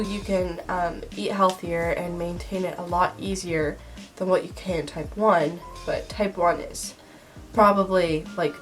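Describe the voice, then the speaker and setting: A young woman with the stuffed-up sound of a head cold, hosting a casual list vlog with sarcastic, dramatic emphasis. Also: on the low side. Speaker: video host. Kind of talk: casual scripted list vlog with acted skits.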